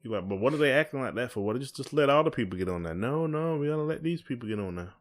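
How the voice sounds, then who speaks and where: Racing along in an animated, mid-range voice, a middle-aged American man hosts a casual podcast chat. His talk is reflective, colloquial and conversational.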